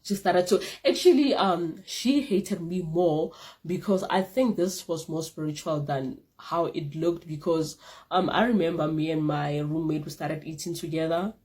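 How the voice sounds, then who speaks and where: A woman tells a personal story in a casual vlog, animated and laughing often. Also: measured pace. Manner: animated, laughing often, lively pitch jumps. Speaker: vlogger.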